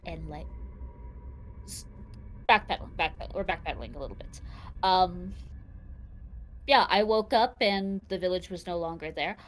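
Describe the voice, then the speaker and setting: A woman's voice: lowish voice, normal speed, long pauses, poor audio. Chatty woman player, faint hiss behind. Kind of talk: in-character tabletop role-play.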